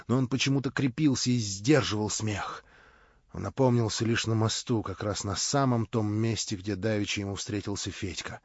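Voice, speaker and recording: A man's voice: lowish voice, husky, no room sound. A man reading a novel aloud with dramatic expression, in a dull, dry recording. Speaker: audiobook reader. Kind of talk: scripted narration.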